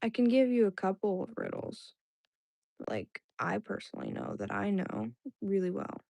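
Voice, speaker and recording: Chatting loosely with viewers in her stream's live chat, a young woman who grew up speaking Indonesian rambles on, leaning heavily on fillers, many "like"s and frequent restarts. She has a mid-range, sing-song voice at a moderate pace, creaky and dark, with no room sound.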